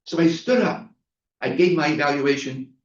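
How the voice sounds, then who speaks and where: At a club meeting, a Toastmasters speaker with a fairly high voice at normal speed delivers a prepared inspirational speech, telling a story with emphatic repetition. The mic is distant and the meeting room sounds echoey and dull.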